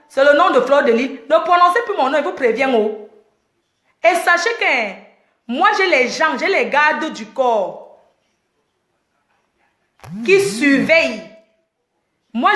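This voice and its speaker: A woman with a high-pitched voice delivers a defiant livestream rant to her followers. She sounds boastful and keeps firing taunting questions back at them. The room around her is roomy and echoey. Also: a bit bright. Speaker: social media personality. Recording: roomy echo.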